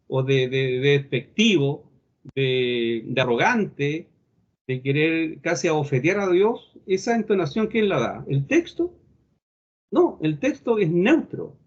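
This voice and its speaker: A man teaches preaching in a steady, explaining way and briefly performs the tones of other preachers. His voice sits a little high. The recording sounds dull and lo-fi. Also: measured pace, husky. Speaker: homiletics teacher.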